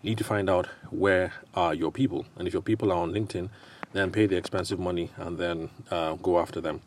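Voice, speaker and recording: A man with a Nigerian accent hosting a solo podcast in a casual, explanatory way, often pausing hesitantly as he thinks aloud. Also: low-pitched, fairly even intonation, darkish tone, a little hiss or hum. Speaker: podcast host.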